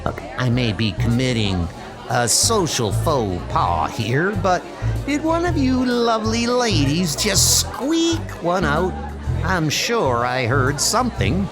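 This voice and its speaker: A man's voice: fairly high pitch, slow pace, over music, a crowd in the background, pitched above the performer's own voice. A man voicing a manic, wisecracking rubbery superhero in a theatrical comic book dub. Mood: cheeky. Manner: excitable, joking, theatrical.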